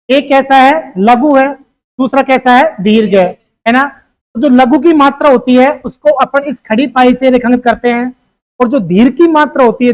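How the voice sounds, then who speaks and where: A high-pitched teacher runs an exam-prep grammar lesson. The teacher asks a steady string of questions, answers each one, and addresses the students affectionately as "beta.". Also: low-quality recording. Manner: asks questions, answers them itself, calls listeners "beta".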